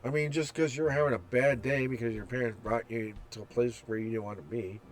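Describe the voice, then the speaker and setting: A man's voice: medium pitch, fairly even intonation, slight background noise. A man playing through a visual novel, reading its text aloud with restarts and commenting on the characters. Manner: slow, chatty, reads text aloud with restarts. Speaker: gameplay narrator. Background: soft background music.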